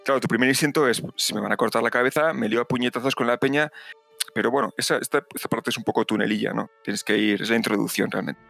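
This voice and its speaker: A man, telling an animated story in a casual podcast chat. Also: medium pitch, fast talker, gravelly, faint music behind. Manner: animated storytelling with acted asides. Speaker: podcast host.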